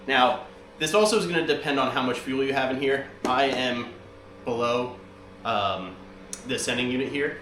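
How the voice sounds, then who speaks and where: A man with a nasal, congested voice from being sick, calmly walking through a repair step by step with frequent ums and uhs. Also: mid-range voice, moderate pace, a little hiss or hum. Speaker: mechanic demonstrating a repair. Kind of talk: casual how-to demonstration.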